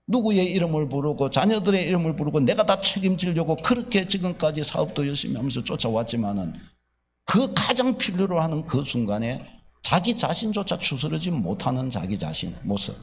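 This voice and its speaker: A male pastor delivers a sermon as a vivid story, his voice sitting slightly high and swinging widely in pitch. He narrates animatedly and slips into the voices of the people in his tale. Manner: animated, acts out dialogue.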